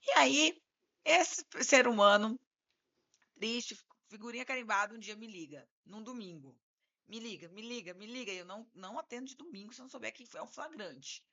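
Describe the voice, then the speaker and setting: A woman's voice: fairly high pitch, lively intonation, moderate pace, bright, forceful tone. A woman with a Brazilian Portuguese accent, a criminal defense lawyer co-hosting a podcast, telling a story and acting out both sides of a phone call.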